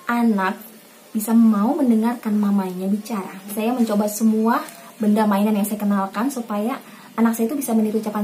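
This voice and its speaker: A woman's voice: medium pitch, slight background noise. A young Indonesian mother hosting a home tutorial, speaking casually and repeating herself as she talks to viewers she calls Mams. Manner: warm, repetitive, addresses viewers as Mams. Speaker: parenting channel host, mother.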